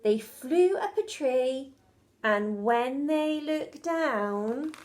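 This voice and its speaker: A woman teacher reads a rhyming children's story aloud. Her voice is high and she takes her time, in a rhythmic, sing-song delivery. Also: lively intonation, drawn-out words, background noise.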